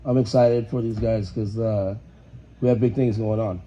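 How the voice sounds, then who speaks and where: A man whose hoarse voice is nearly gone, chatting casually as a band's lead singer in an interview. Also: lowish voice, steady tone, normal speed, warm tone, lo-fi sound. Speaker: band lead singer and rhythm guitarist.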